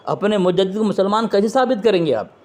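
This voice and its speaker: This man talks quickly in a high, expressive voice that is a little mellow. He's on a phone call interviewing and arguing about religion, quoting books and scripture as he presses his questions hard.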